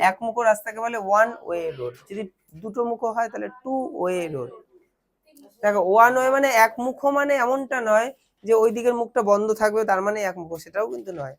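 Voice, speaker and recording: A young woman teaches children translation, patiently asking questions and answering them herself. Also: a little high. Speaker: tutor.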